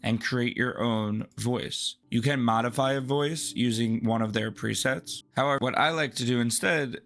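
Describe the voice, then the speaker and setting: Casual man walking through software. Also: medium pitch, normal speed, creaky. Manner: casual, rambling, explanatory. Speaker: tech video host. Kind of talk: casual screen-recording tutorial.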